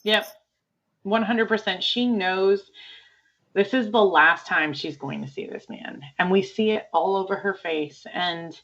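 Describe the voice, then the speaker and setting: A woman's voice: medium pitch, a bit bright, dull audio. A woman co-hosting a film podcast, chatting casually and animatedly, laughing often as she retells scenes. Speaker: podcast co-host. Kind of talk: casual film review chat.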